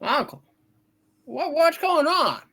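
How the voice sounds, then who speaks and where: A woman plays an earnest, harried young businessman in a hammed-up radio play, sounding anxious, determined and alarmed. She pitches her voice above her natural range, making it high, fairly bright and sing-song, exaggerated and slow.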